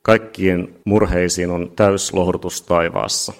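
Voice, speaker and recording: A man preaching a sermon, emphatic and building to shouts at key points. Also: sits low, little pitch movement. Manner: emphatic, rising to shouts at climaxes.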